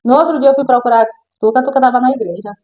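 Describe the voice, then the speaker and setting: A woman's voice: high-pitched, very fast, lo-fi sound. A middle-aged woman with a Brazilian accent, a guest sharing her personal testimony in an interview and acting out the voices of the people in her story.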